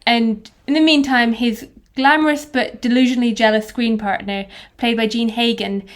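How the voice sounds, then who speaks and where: Higher-pitched woman, podcast co-host, quick neat summaries, chatty. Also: fairly even intonation. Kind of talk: casual conversational podcast chat.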